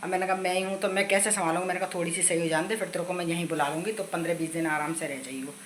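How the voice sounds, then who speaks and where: Unwell middle-aged woman, flat chatty vlog. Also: on the low side, very fast, a little hiss or hum. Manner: chatty, rambling, retells conversations. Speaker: vlogger. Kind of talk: casual home vlog. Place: home kitchen.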